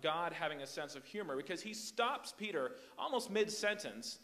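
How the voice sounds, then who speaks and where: A young man preaching to a youth group in a fairly high, lively voice. He grew up in Hong Kong and the Philippines. He talks in an animated, emphatic way and keeps repeating words as he builds each point. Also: normal speed. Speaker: invited youth speaker. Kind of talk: youth sermon.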